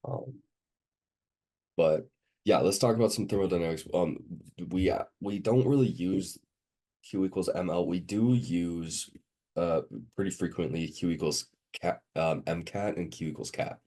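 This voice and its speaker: A man's voice: low-pitched, unhurried, mellow. A sick, sniffly man tutoring a student one on one, hesitant with many ums as he quizzes them.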